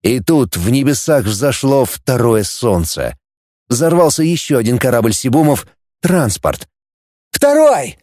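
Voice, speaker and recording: A man narrating an audiobook in an expressive, lively reading. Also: mid-range voice, unhurried, dry recording, clean studio sound. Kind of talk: scripted narration.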